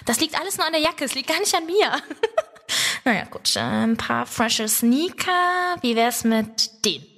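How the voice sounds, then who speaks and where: Lively young woman, bright voice, self-mocking comic storyteller, nervous inner chatter. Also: sits high, moderate pace. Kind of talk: comedic first-person story with inner monologue.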